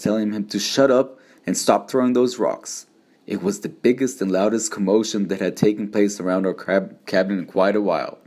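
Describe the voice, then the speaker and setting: A man narrating an audiobook in a steady, measured storytelling manner. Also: on the low side.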